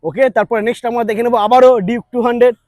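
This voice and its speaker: A man with a West Bengal accent hosts a hard-sell promotional video in a strikingly high voice. His delivery is extremely fast, full of hype and haggling exclamations. The sound is dry. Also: fairly even intonation, darkish tone, no echo. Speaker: video host presenting a dealer's stock. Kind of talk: excited promotional vlog banter.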